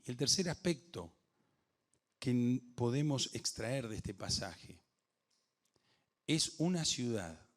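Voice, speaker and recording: A man with a Rioplatense Spanish accent preaching a sermon as pastor, swinging between hushed reflection and emphatic declaration. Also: medium pitch, big pitch swings, takes it slowly, pauses often. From Uruguay. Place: home or church for an online service.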